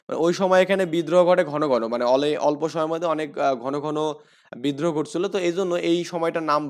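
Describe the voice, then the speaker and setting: A man with a Bangladeshi Bengali accent teaching an exam-prep lesson. He asks questions, answers them himself, repeats key facts and uses a lot of fillers. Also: a little high. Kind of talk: explaining lecture.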